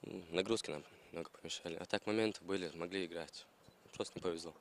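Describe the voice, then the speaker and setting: A man's voice: low voice, fast talker. A young man, a footballer, giving short, reserved post-match answers outdoors into a held-out microphone. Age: young adult. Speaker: football player. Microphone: interviewer's handheld microphone, held out. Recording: faint outdoor ambient noise.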